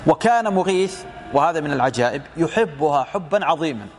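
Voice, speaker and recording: A male religious teacher gives a lecture commentary on hadith, explaining it through rhetorical questions and retold dialogue. His voice is on the high side, animated and a little fast, with slight background noise.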